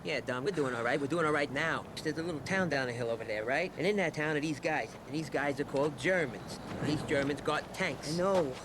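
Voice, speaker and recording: A man's voice: fairly high pitch, brisk, few pauses, lightly acted. An actor playing a cynical, wisecracking American infantryman in a war drama. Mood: sardonic. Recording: noisy outdoor film soundtrack.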